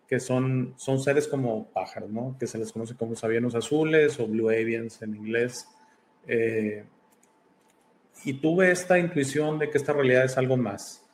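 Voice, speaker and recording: A man's voice: mid-range voice, slight background noise. A man born in Italy and raised in Mexico, a podcast host talking as a guest over a video call, thoughtful and hesitant with many fillers. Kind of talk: casual interview chat.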